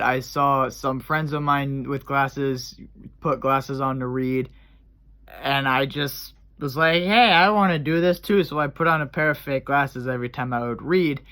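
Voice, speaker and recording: A man with a slightly high, somewhat bright voice explains on his own channel how he builds his characters. It's a loose, casual vlog, and he often trails off and starts his sentences over.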